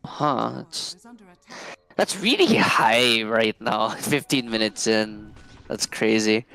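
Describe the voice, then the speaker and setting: Male esports co-caster, soft groggy e-boy tone, smooth, lazy relaxed drawl, casual delivery. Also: on the low side, slow. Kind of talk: casual live video game commentary.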